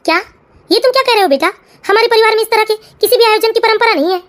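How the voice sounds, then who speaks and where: A woman voicing an older retired male clerk, a proud and stubborn father in a cartoon family story, talking quickly and earnestly. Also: very high voice. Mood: puzzled.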